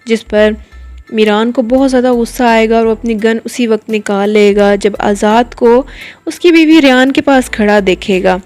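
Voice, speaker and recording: High-voiced woman retelling a drama plot. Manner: steady storytelling with occasional hesitations. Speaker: drama episode reviewer.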